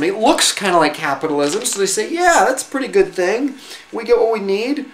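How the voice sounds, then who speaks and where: A man's voice: high-pitched, a little hiss or hum. A man giving casual spoken commentary on an essay he is reading, talking in a rambling, conversational way with sarcastic asides and frequent restarts. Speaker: vlogger introducing a reading-list article. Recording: echoey room.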